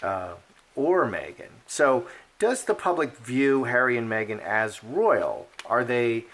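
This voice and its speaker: Taking it slowly, a card reader and commentator of Polish heritage talks in a mid-range, slightly bright voice with big pitch swings. His casual monologue wanders and offers strong opinions, peppered with fillers and false starts.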